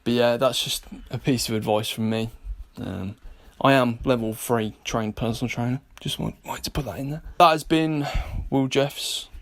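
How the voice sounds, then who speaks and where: Talking straight to camera at a moderate pace with hardly any pauses, a British personal trainer shares fitness tips in a casual vlog. He's blunt, jokey, and swears freely, his voice mid-pitched and ordinary, mostly recorded inside a gym.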